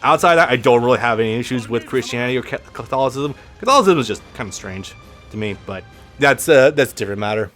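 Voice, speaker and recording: Let's play host with a lisp: rambling, profane, mid-range voice over faint game music. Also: male voice, mid-range voice, expressive, fast, a bit bright. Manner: rambling, profane, frequent restarts. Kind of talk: casual gameplay commentary.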